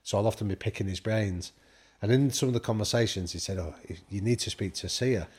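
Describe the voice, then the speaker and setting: The guest expert on high performance, a man from the UK, speaks fairly quickly in a low voice that's a little mellow and breathy. He's storytelling in casual conversation, dramatizing the quoted exchanges.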